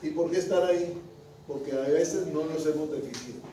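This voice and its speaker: A man's voice: on the high side, moderate pace, mellow, slight background noise. A male pastor preaching a sermon, often asking the congregation questions. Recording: echoey room with the mic at a distance.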